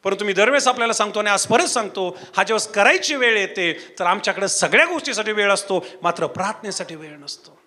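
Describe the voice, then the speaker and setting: Male pastor, very high pitched, bright and forceful tone; impassioned preaching, repetitive cadences, shouted climaxes. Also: lively intonation, fast talker. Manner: impassioned preaching with repeated refrains and shouted peaks; addresses a live congregation and broadcast audience. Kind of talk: sermon.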